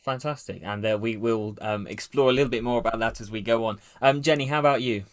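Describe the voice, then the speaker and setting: A man hosting a church podcast, reading polite, scripted-sounding introductions and gently prompting his guests. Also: mid-range voice, fast talker. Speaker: podcast host.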